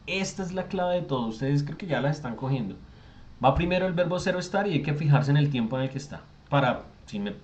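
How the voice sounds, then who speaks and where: A man with a mid-range, slightly mellow voice teaches an online English class, walking through grammar step by step and frequently checking that students keep up. The virtual classroom session comes through a video call with echoey, lo-fi audio.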